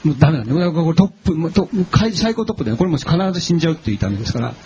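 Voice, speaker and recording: A man's voice: on the high side, lively intonation, racing, dark tone, slight background noise, rough recording. A man preaching a sermon as a pastor, telling personal stories in a chatty way and asking the audience questions.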